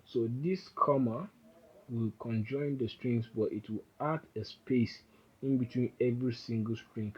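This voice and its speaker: A man with a mid-range, breathy-edged voice teaches code in an unhurried, rambling screen recording. He frequently backtracks to correct himself as he types, and the sound is muffled.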